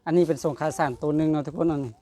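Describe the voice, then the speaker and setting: A man's voice: on the high side, level tone, rapid-fire, dark tone. A man with a Lao accent, chatting casually as a vlogger presenting donated gifts, repeating himself and seeking agreement. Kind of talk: casual chat to a family and viewers.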